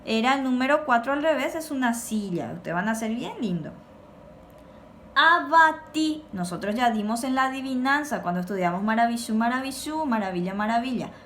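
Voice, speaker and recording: Woman teaching kids on a recording, fairly high voice, drills words slowly, faint noise behind. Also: expressive. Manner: slow, clear drilling of words for repetition. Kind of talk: recorded remote lesson for children.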